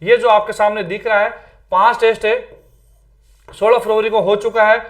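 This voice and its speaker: A man with a fairly high voice gives a casual coaching lecture to exam candidates. He talks in a loose, conversational way, mixing English terms into his speech and checking in with "theek hai" as he goes. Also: flat delivery, moderate pace. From Rajasthan, India. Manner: chatty, repeats "theek hai", mixes English words.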